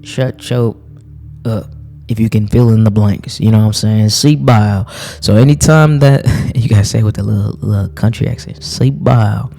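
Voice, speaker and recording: A man's voice: fairly low pitch, fairly even intonation, fast talker, hardly any pauses, warm tone. A man giving an earnest spiritual talk while reading cards, repeating phrases for emphasis.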